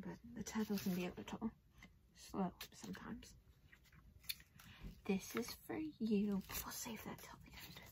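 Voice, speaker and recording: A woman playing a whimsical, scatterbrained Mad Hatter in an ASMR roleplay, soft-spoken and often dropping into whispers. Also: medium pitch, noisy background, natural voice. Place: indoors at a craft table.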